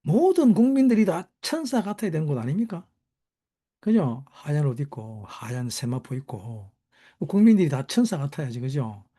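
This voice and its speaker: A man preaching with a dark, mellow voice whose pitch swings widely, leaping up to stress a point. He keeps firing rhetorical questions at his listeners and checking in with them as a Bible teacher. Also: normal speed. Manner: rhetorical, constantly asking the audience "right?"; animated, sudden pitch jumps for emphasis. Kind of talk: sermon.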